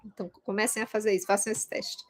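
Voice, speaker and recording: A Reiki course teacher with a Brazilian Portuguese accent gives an informal, conversational video lesson, frequently checking in with short tag questions. Her voice is mid-range and steady, and she talks fast.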